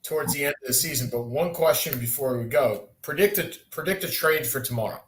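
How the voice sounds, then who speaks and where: Sports podcast host in an echoey room. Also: male voice, mid-range voice, fairly quick, fairly bright tone. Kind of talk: casual sports talk. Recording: echoey room, faint noise.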